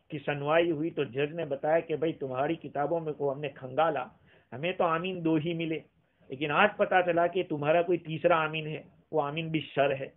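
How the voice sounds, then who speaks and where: A man delivers a religious lecture on scripture, explaining points emphatically and dropping wry, teasing asides to his audience. His voice sits a little high for a man and he recites Arabic verses along the way. The sound is thin and tinny, like a phone line. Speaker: mufti teaching Quran commentary. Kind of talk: religious lecture on Quran commentary.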